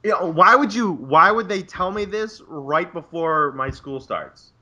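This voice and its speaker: Sitting high in pitch, this man's voice is bright, forceful and expressive, delivered a little slowly. He's a graduate student in his twenties co-hosting a relaxed podcast, cursing in frustration over bureaucracy.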